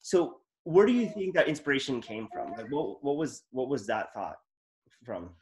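A man's voice: mid-range voice, big pitch swings, normal speed, a little mellow. A man hosting a casual interview, telling stories in an enthusiastic, rambling way. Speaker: podcast host.

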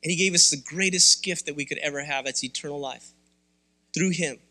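High-voiced, bright-toned man preaching. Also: a little fast. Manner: conversational, candid, rousing. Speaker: pastor. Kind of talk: sermon. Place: church sanctuary.

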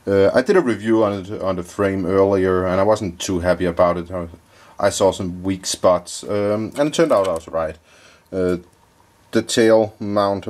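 Man, lower voice, casual hobbyist reviewer, relaxed with plenty of fillers. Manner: relaxed, many fillers and pauses. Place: indoor workbench.

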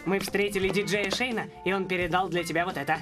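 Мужчина играет хитрого мальчишку-проказника. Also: male voice, high-pitched, steady tone, fast talker, close to an everyday voice. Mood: persuasive. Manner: glib, persuasive. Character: scheming, glib young boy prankster. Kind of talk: cartoon dub acting. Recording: music behind the voice.

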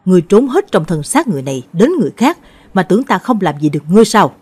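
A commanding older exorcist master barks at a spirit in a Buddhist ghost story, played by a woman narrator. The voice is loud and severe, lower and mellow with a breathy grain. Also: sing-song, very fast, no echo.

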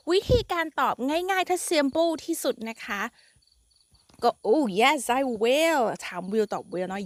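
A woman teaching English vocabulary on a live stream, chatty and upbeat, mixing English and Thai. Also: sits high. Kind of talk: live-streamed language lesson.

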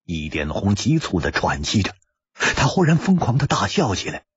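Husky male pingshu storyteller. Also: on the low side, normal speed, lo-fi sound. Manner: expressive, dramatic narration.

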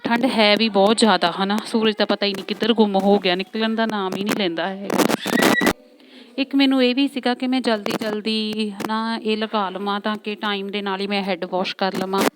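A woman's voice: mid-range voice, steady tone, brisk. A young woman with a Punjabi accent chatting casually in a home vlog, repeating herself and adding tag questions. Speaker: homemaker vlogger and mother. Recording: noisy home recording with clicks.

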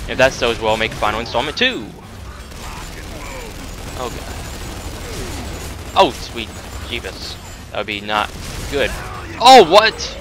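A man giving casual, sweary, self-deprecating let's-play commentary, with soft R sounds that come out like w. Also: lowish voice. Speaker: gaming video host. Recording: game music, gunfire behind voice. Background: game music, gunfire and vehicle sounds.

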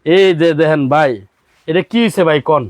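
A man's voice: on the high side, fairly even intonation, a little fast, darkish tone, no echo. A man with a Bangladeshi Bengali accent selling a kitchen gadget, who keeps calling the listener "bhai" and telling them to look. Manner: repeats "bhai" and urges the listener to watch. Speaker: shop seller demonstrating a food processor. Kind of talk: sales demo patter.

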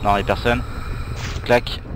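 A man's voice: medium pitch, level tone, normal speed, over music, poor audio. A young man giving jittery let's play commentary on a horror game, exclaiming and muttering to himself into a headset. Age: young adult. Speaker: gamer. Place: small room at home.

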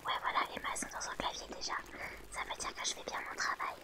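A woman whispering softly to her audience in ASMR style, reading out chat names and answering them gently. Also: quick pace. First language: French.

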